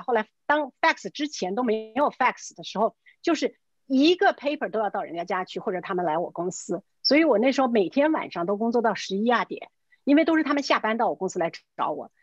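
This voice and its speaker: Husky-voiced woman telling anecdotes. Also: a little high, brisk, dry recording, lo-fi sound. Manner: lively, acts out quoted dialogue; mixes English words into her speech. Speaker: real estate agent telling stories. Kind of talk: casual storytelling talk. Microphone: video call.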